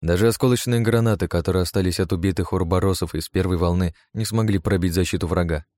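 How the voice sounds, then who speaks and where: A man narrating an audiobook, reading in a steady, even way. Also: sits low, fast, no echo.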